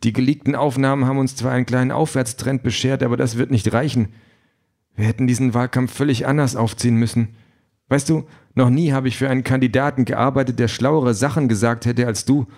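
A man's voice: mid-range voice, steady tone, fairly quick, darkish tone, pitched above the performer's own voice, lightly acted. Man voicing a weary, cursing campaign manager. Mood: frustrated. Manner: raised voice, blunt and swearing. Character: exhausted, frustrated female campaign manager.

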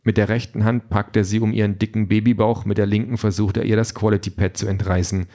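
A man narrating an audiobook in a dry, even storytelling manner. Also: lowish voice, fast.

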